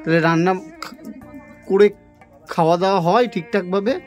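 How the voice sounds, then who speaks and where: Man, soft and consoling interviewer, slightly higher voice, faint music bed. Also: normal speed. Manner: gentle, consoling, questioning. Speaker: social work vlogger interviewing a needy family. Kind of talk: casual interview.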